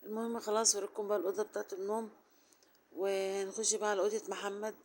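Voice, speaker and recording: A woman with an Egyptian Arabic accent and a sore, hoarse throat, chatting her way through a casual home vlog. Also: medium pitch, flat delivery, very fast, a little mellow, slight background noise. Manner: chatty, rambling, fond of fillers. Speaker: home vlogger.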